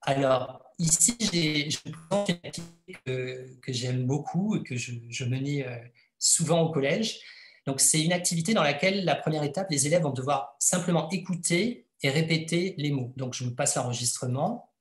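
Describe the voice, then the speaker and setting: A man gives an educational webinar presentation, his voice sitting a little high. He speaks hesitantly, pausing on filler sounds as he explains, and the recording has an echoey room sound.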